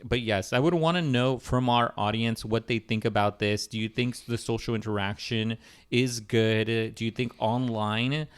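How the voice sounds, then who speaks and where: A young man co-hosting a casual podcast discussion, pausing often with ums and restarting his sentences. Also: mid-range voice, steady tone, smooth. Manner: hesitant, many ums and restarts. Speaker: podcast co-host.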